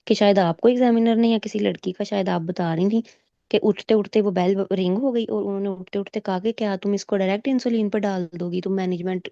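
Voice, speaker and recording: A woman tells her story in lively casual speech, acting out what the examiners and she herself said. Her voice is mellow and darkish. The video call sounds dull, lo-fi and dry. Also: medium pitch, a little fast, vocal fry, dry recording. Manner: animated retelling, quoting examiners and herself; mixes English medical terms into her talk. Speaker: exam candidate sharing her experience. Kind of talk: casual storytelling in a recorded meet.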